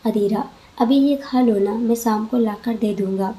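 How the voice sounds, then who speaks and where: A woman's voice: a little high, unhurried, mellow, close to an everyday voice. A woman voicing a flustered young husband in a read-aloud story, pleading and exasperated.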